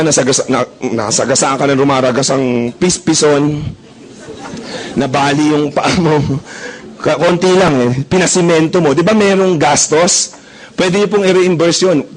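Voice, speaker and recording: A young man pitching to a live crowd, full of jokes and little stories. He keeps turning to the audience with quick questions, and his voice sits a bit higher than most men's. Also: rough recording. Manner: joking, storytelling, asks the crowd questions. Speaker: marketing presenter. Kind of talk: comic sales talk to a live audience.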